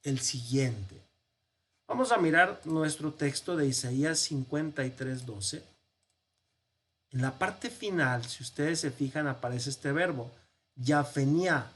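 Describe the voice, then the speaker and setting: Man, priest lecturing a Bible class, unhurried delivery, slightly raised pitch, poses and answers questions. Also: fairly bright tone, breathy edge. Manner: explanatory, poses rhetorical questions and answers them; walks through a text on screen, counting and pointing.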